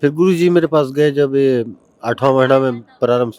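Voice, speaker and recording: A man's voice: mid-range voice, normal speed, a little mellow, dry recording. A man who is an ascetic monk, giving plain, short and resolute answers in an interview.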